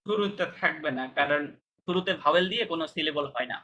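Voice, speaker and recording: Patient, bright-voiced man teaching a class. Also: a little high, fast talker. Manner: patient, step-by-step, checks understanding. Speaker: language teacher. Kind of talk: online class explaining pronunciation rules.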